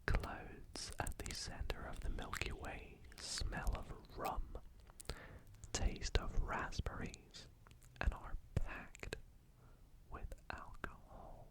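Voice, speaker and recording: A woman whispering facts slowly for ASMR, breaking off into chatty asides about what she reads. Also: low-quality recording. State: sleepy, yawning. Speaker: ASMR creator. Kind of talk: whispered ASMR fact reading.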